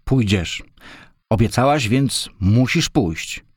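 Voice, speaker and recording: A man's voice: medium pitch, big pitch swings, a little slow, a bit bright, breathy edge, no echo, studio quality, pitched above the performer's own voice, heavily acted. Man doing a taunting young street thug. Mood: irritable taunting. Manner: irritable, taunting. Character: tall skinny crew-cut young thug, irritable.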